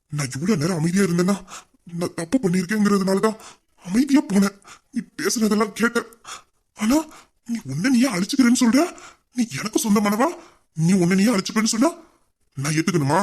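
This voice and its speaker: A possessive, brooding young hero of an audio romance drama, voiced by a woman. He talks with heavy intensity, sinking into a low, slow menace when he threatens, at a middling pitch. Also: lively intonation, a little mellow, husky. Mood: stern. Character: possessive young man who calls himself king.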